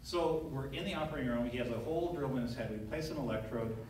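A man's voice: mid-range voice, fast, noisy background. A middle-aged man, a neurosurgeon, giving a conversational conference talk from a lectern, telling a story with frequent fillers. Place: large lecture hall, at a lectern. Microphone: audience camera from far back. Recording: very echoey hall, recorded from far off.

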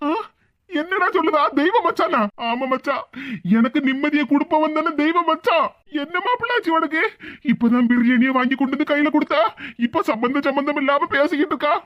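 A pair of bantering young village men from a cartoon, pitched very high and full of melodramatic comic flourishes. He speaks with a Tirunelveli Tamil accent. The sound is dull and lo-fi. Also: brisk. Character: two bantering young village men, brothers-in-law and friends. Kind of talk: cartoon voice acting.

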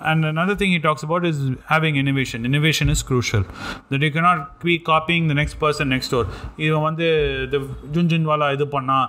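A man's voice: a little high, very fast, sharp tone. A man with a South Indian accent and Tamil as first language, explaining things in a casual podcast discussion and mixing in Tamil. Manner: switches between English and Tamil. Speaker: podcast co-host. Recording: clear background noise.

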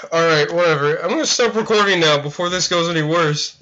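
A man's voice: fairly high pitch, a little fast, sharp tone, muffled recording. A young American man hosting a casual group voice chat, joking crudely and laughing hard. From United States. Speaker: host recording the podcast.

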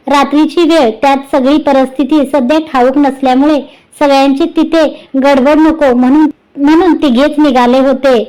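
Woman, high-pitched, storyteller, scripted narration. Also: darkish tone, low-quality recording. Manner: reads every character's lines in a light variation of her own voice.

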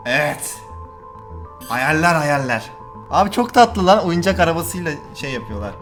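Gaming YouTuber, male, a bit high-pitched, excitable and easily exasperated, chatting straight to viewers. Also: a little fast, soft background music. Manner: excitable, exasperated, swinging from calm to shouting; addresses viewers directly. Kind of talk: casual let's-play commentary.

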